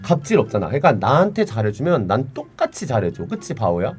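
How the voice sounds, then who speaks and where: A man's voice: mid-range voice, wildly swooping pitch, fast, darkish tone, husky. A man hosting a casual livestream chat, telling stories about his bar in a blunt, boastful way. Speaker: livestream host and bar owner.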